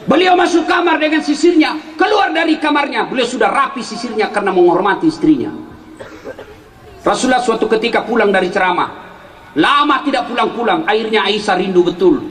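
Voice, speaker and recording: A man preaching a humorous sermon to a congregation, telling stories and shouting his punchlines. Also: high voice, lively intonation, a little fast. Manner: joking storyteller who shouts punchlines at the congregation. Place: large hall with an audience. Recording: echoey hall, distant mic, faint crowd.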